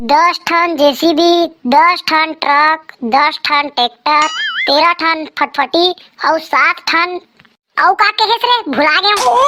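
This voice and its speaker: A performer with a Chhattisgarhi accent voicing bickering cartoon census takers and villagers, in squabbling, slangy comic dialogue. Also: extremely high pitch.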